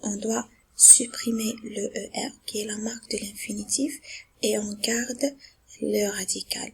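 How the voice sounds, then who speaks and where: A woman teaching a grammar lesson, explaining patiently, repeating herself and checking that her students understand, in a breathy, half-whispered voice. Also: medium pitch, fairly even intonation, measured pace. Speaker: French teacher.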